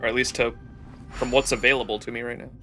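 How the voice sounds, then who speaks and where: Bright-voiced excitable young male streamer. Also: medium pitch, fast talker. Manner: excitable, joking, swears, reads quests aloud. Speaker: livestreamer. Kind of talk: casual gameplay commentary. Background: game music.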